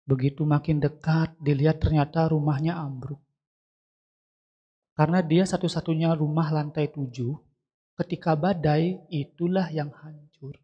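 A man's voice: a little high, fairly even intonation, measured pace, breathy edge. A man, a Buddhist monk, telling a story in a sermon and turning to ask his listeners questions. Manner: storytelling, asks the congregation questions directly. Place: temple hall. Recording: dull lo-fi sound.

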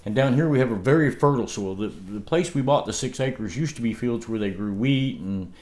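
A man in his fifties, a homesteading vlogger, rambles through stories at his dining table while a camera across the table records the casual chat. His medium-pitched, darkish voice moves with lively intonation at a slightly fast pace. Laughs and restarts punctuate his storytelling in the indoor dining room.

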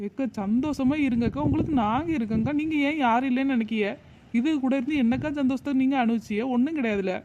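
A cheerful young cartoon neighbour, voiced by a woman chats briskly and reassuringly. Her voice sits a little high and moves fast. The recording sounds dull and muffled. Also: mellow, a little hiss or hum, natural voice. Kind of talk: cartoon voice acting.

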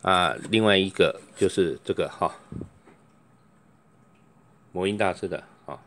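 A man demonstrating microphones in a loose, chatty way, filling pauses with a drawn-out "oh" and calling into each mic to test it. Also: deep voice, fairly bright tone. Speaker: microphone seller. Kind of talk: product demonstration.

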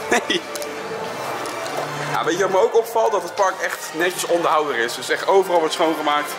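A man with a slightly high voice talks casually to his vlog audience as he walks outside. He is chatty and informal, freely giving his opinions. Music plays clearly behind him. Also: moderate pace. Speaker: vlogger. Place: outdoors walking around an amusement park.

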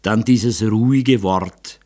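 A man narrating an audiobook in a calm, unhurried reading voice. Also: on the low side. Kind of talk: scripted narration.

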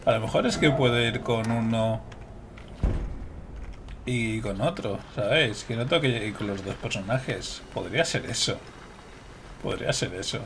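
A man's voice: lowish voice, animated, moderate pace, creaky, long pauses, background noise. A young man with a Spain Spanish accent commenting casually on his gameplay, swearing, laughing and talking to his viewers. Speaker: gameplay streamer.

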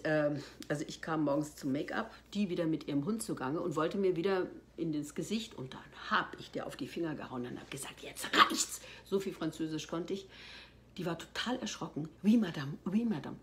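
A woman, an actress, telling behind-the-scenes anecdotes in an animated way, jumping from loud bursts to hushed, almost whispered asides. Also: low-pitched, normal speed. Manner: expressive, swings from loud outbursts to hushed near-whispers.

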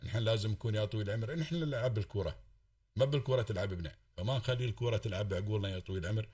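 Man, Emirati accent, radio caller, very fast, fervent, swears oaths, far from the mic. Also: fairly low pitch, darkish tone, dry recording, studio quality. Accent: Emirati Arabic. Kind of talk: impassioned call-in talk.

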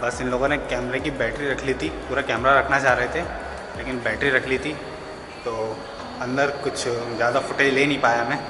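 A man's voice: mid-range voice, little pitch movement, brisk, over music, poor audio. A man in his thirties vlogging casually as he travels, talking straight to his viewers, recorded in a car on an action camera held at arm's length. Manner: chatty, addresses viewers directly. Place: inside a car on a highway. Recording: road and car noise behind.

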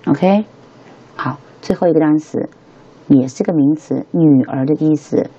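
A young woman gives a relaxed English lesson with a low, mellow voice. Her tone is a bit husky and the recording sounds dull and lo-fi. She keeps checking with her listeners as she talks. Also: unhurried. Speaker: English teacher. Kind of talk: casual spoken lesson.

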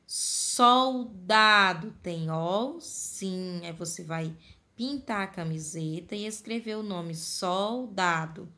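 A Brazilian Portuguese woman teaching young children, drawing out each word slowly and calling them her loves. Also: lowish voice, fairly bright tone. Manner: affectionate, drawn-out word modeling, calls pupils "meus amores". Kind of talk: slow, sing-song children's lesson. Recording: echoey room with long reverb.

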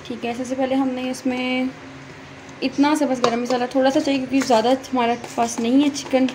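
A woman's voice: high voice, level tone, a little fast, noisy background. A woman gives chatty step-by-step cooking instructions in her home kitchen, talking straight to viewers while holding her phone. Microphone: phone held in hand. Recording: loud frying sizzle behind. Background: frying and stirring sounds.

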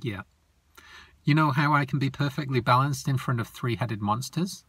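A man voicing a cheerful, calm male monster who explains things in a lively, earnest way. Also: mid-range voice, normal speed, husky, no room sound, voice pushed up.

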